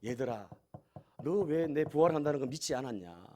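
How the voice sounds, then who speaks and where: A man's voice: mid-range voice, expressive, normal speed, warm tone, a little hiss or hum, close to an everyday voice. A male pastor voicing a reproachful Jesus who scolds his disciples with pleading rhetorical questions.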